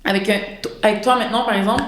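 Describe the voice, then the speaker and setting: A young woman with a Quebec French accent talks at a fast clip, lively and quick to slip into other accents. Her voice rings in a roomy, echoey space. She keeps the tone of relaxed podcast chat. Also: mid-range voice. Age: 20s. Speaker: podcast guest. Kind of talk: casual chat.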